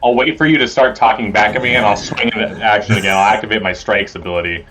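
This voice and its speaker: A man's voice: on the low side, steady tone, quick pace, a bit bright, faint music behind. A man playing a tabletop game, describing his moves hesitantly and thinking aloud as he goes. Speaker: player. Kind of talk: casual tabletop game chat. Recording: dull, lo-fi mic.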